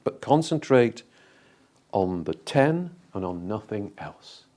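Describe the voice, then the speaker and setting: In a lowish voice, a man leads a guided meditation, his delivery calm, gentle and deliberate, with pauses coming often between his phrases.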